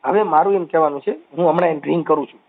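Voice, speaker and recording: A man giving calm, reassuring advice on a phone call, often repeating soothing phrases. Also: on the high side, racing. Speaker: social media activist taking calls. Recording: tinny phone line.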